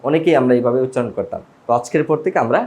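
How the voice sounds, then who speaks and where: A man gives a casual pronunciation lesson at a mid pitch. He drills each word slowly, spelling out letters and saying it again and again. His delivery stays plain and teacherly. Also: darkish tone.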